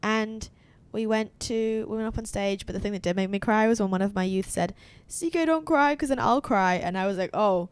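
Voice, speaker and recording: A woman's voice: medium pitch, fairly quick, hardly any pauses, clean tone, no room sound. Chatty young woman telling stories. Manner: chatty, many "like"s and restarts, animated storytelling. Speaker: podcast co-host. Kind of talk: casual chat.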